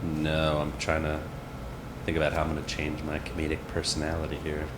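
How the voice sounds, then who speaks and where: A man co-hosting a podcast, joking in casual chat with deadpan asides. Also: a bass voice, brisk, reverberant, noisy background. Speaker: podcast co-host.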